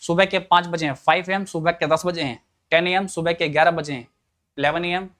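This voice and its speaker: A man's voice: a little high, fairly even intonation, brisk, a bit bright. Male teacher drilling students. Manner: drills students with repeated questions like "yes or no?"; joking and colloquial. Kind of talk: classroom English lesson.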